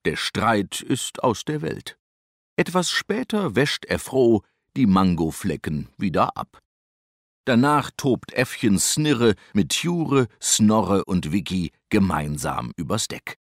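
Slow, expressive storybook narrator, a man. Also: on the low side, no room sound, studio quality. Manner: lively, expressive, unhurried.

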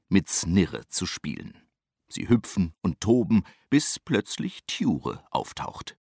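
A middle-aged man narrates a children's storybook in a low voice. He reads slowly, with a lively, widely moving pitch. The recording is dry and close. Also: dry recording. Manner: lively, expressive, unhurried.

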